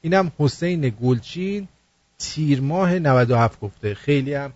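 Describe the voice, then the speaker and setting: A man's voice: on the high side, lively intonation, dull audio, very noisy. A man hosting a satirical show, reading out messages and rhyming verse in a jokey, mocking way. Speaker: host.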